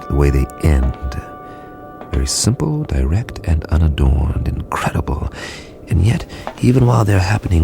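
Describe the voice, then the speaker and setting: In an audio drama, the lead actor voices a weary, irritable space traveller confined aboard ship, delivering dialogue and first-person narration. His deep voice is gravelly and sardonic, with dramatic emphasis.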